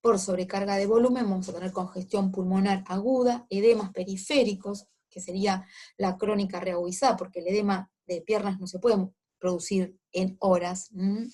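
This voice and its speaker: A woman teaching a medical lecture, explaining step by step with frequent fillers and quick check-ins to her students. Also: medium pitch, dark tone.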